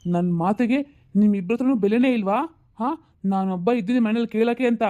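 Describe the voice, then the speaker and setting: A man playing a scolding, fast-talking husband. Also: high voice, mellow, close to an everyday voice. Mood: stern. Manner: scolding, bossy, rapid-fire. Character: stern angry husband and father. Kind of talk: amateur audio family drama.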